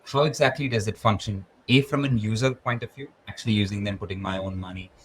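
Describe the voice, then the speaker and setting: Guy on a podcast walking through data stuff step by step, lowish voice, bit of hiss behind. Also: fast, low-quality recording. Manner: fluent, methodical, rattles off lists. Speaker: guest, crypto research lead. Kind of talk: explanatory interview talk.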